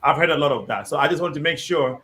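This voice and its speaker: A man with a slightly high voice hosts a live discussion show, reading viewer comments aloud and guiding his guests in a measured, deliberate way. There is noise in the background.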